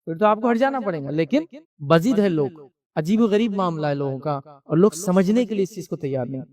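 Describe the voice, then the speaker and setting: A man's voice: high-pitched, animated, darkish tone, recorded from a distance. A man giving a conversational religious lecture, asking rhetorical questions and answering them himself. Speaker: Islamic lecturer.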